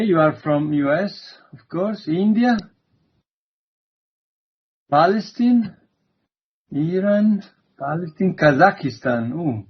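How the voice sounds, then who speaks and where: Slow-talking lecturer, muffled online audio. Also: male voice, fairly high pitch, husky. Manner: slow, hesitant, many fillers. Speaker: university lecturer.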